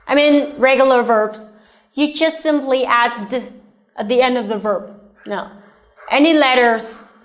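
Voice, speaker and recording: A woman with a Vietnamese accent gives an English grammar lesson in a high, clear voice. She speaks slowly and deliberately, spelling out each example and checking in with her class after nearly every point. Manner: slow and deliberate, checks in with "all right?" and "okay?". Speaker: English teacher.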